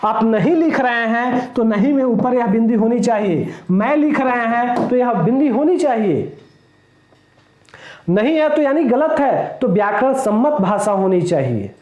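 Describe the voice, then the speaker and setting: High-voiced male teacher, echoey room. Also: animated, muffled recording. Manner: explains slowly, repeats points, asks rhetorical questions. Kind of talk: classroom lecture. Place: classroom.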